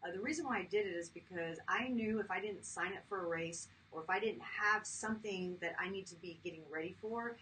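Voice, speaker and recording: A woman's voice: fairly low pitch, fairly bright tone. A woman in her fifties, a chiropractor, talking casually as an interview guest with lots of fillers. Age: 50s. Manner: chatty, laughs easily, many fillers. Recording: distant mic with faint background noise.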